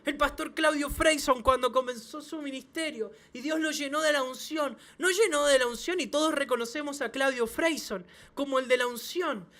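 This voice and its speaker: A man, a pastor, preaching a sermon to his church with emphatic repeated phrases and quick restarts. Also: extremely high pitch, pushed and bright. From Chile. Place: church service.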